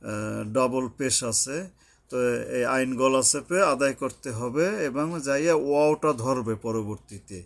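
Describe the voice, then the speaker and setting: A man teaches recitation rules, breaking words into syllables and repeating them with care. His delivery is very slow and deliberate, each sound stretched out. His pitch sits in an ordinary middle range. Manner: slow, careful, repeats syllables to drill pronunciation. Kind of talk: tajweed lesson with slow chanted recitation.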